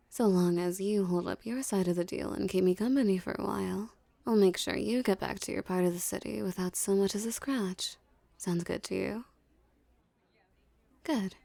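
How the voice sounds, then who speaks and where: In an ASMR roleplay, a woman plays a dominant, seductive mafia boss, speaking in a soft, teasing, condescending drawl full of menacing self-assurance. Her voice is mid-range and creaky, and the recording is dry.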